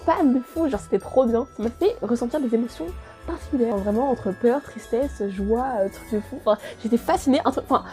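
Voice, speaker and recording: A woman's voice: fairly high pitch, fairly quick, dark tone, faint music behind. A young woman vlogging casually through a year-review Q&A, gushing and rambling as she keeps interrupting herself.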